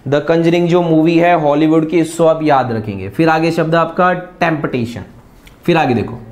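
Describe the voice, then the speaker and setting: A man's voice: a little high, a little mellow, reverberant. A man teaching an exam-prep vocabulary lesson, repeating each word and quizzing viewers with questions.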